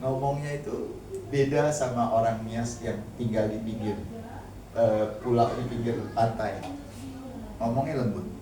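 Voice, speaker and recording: A man's voice: medium pitch, fairly even intonation, a little slow, noisy background. A man preaching a casual sermon in a church, speaking conversationally with humorous asides and often addressing the congregation directly. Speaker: pastor. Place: church hall. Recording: very echoey hall, mic at a distance.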